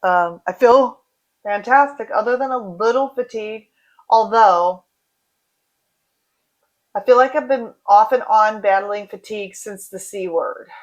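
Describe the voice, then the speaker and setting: A woman in her late forties hosts a relaxed livestream and reads out comments from her viewers. She talks in a chatty, rambling way and keeps drifting into side remarks about her own life. Her voice sits at a middling pitch for a woman. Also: measured pace, pauses often. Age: 40s. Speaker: host reading viewer comments. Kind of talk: casual livestream chat.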